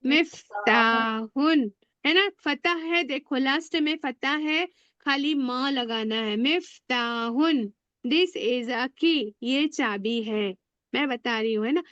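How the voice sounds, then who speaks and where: A woman teaching a beginner Arabic class online, drilling words slowly and asking the class to repeat after her. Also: sits high, fairly bright tone, no room sound, lo-fi sound.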